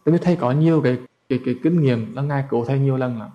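A man's voice: mid-range voice, racing, highs cut off. A man, a Buddhist monk telling a story as a sermon in a colloquial, chatty way. He stumbles over repeated words and speaks straight to his listeners.

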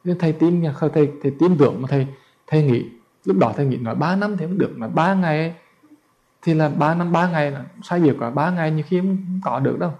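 A man's voice: on the high side, fast, a little mellow, lo-fi sound. A man, a Buddhist monk telling a story as a sermon in a colloquial, chatty way. He stumbles over repeated words and speaks straight to his listeners.

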